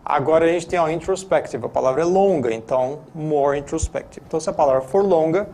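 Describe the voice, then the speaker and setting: A man's voice: a little high, quick pace, warm tone, slight background noise. A man with a Brazilian Portuguese accent teaching English on a studio lesson broadcast, chatty and full of tag questions. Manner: chatty, repeats filler tags, self-corrects. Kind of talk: classroom lesson, explaining.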